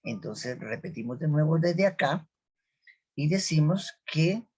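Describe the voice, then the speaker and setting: A man teaching a scripture lesson, sounding out Hebrew words slowly and repeating them as he explains. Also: a little high, lively intonation, darkish tone, slightly rough. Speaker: Bible teacher.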